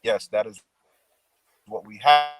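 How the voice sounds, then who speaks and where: A man's voice: fairly low pitch, slow. A man calling into a talk show as a remote guest, explaining things with restarts and repeated words while his connection breaks up. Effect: call connection breaking up, cutting in and out.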